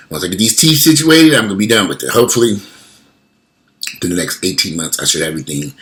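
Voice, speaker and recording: Toothless guy late 40s, lowish voice, chatting to followers, blunt, says stuff twice. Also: fairly bright tone. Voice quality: toothless speech, missing teeth. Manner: blunt, emphatic, repeats himself. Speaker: vlogger. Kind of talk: casual talk to social media followers.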